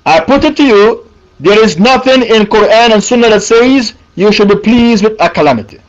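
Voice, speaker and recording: Guy preaching a sermon, high voice, says stuff twice for emphasis, muffled old recording. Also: lively intonation, normal speed. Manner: emphatic, repeats points.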